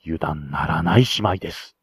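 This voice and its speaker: A man's voice: rumbling low, moderate pace, a bit bright, breathy edge, no echo, studio quality. A man acting as game master, narrating a tabletop role-play scenario with chatty, enthusiastic side remarks.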